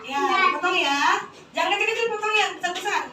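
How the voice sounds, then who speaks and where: Woman, teacher of small children, very high voice, sing-song, coaxing questions, far off, echoey room. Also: quick pace. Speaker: kindergarten teacher. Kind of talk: classroom teaching with young children. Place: classroom. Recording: echoey room recorded from far off, loud noise.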